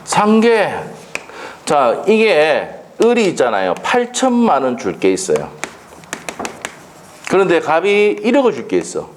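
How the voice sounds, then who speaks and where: A man's voice: fairly high pitch, huge pitch swings, measured pace, pauses often, slight background noise. A man lecturing on law for an exam, quizzing students with rhetorical questions and blunt dialect jokes.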